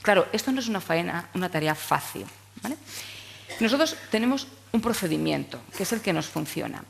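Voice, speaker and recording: A woman's voice: lowish voice, animated, brisk, vocal fry, slight background noise. A woman from giving a talk on speech therapy to teachers, explaining step by step and checking in often with "¿vale?" and "¿eh?". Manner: explanatory, frequent tag questions. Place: conference hall. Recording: long hall reverb.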